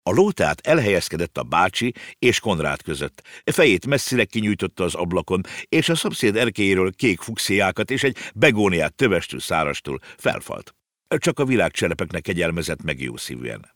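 Male audiobook narrator, lowish voice, very animated delivery, dry close recording. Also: dry recording. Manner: lively storytelling.

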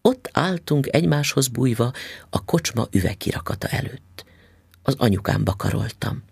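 A male audiobook narrator tells the story with a lively, animated lilt. His voice is husky and gravelly. The sound is dry and close to the mic. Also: mid-range voice, dry recording.

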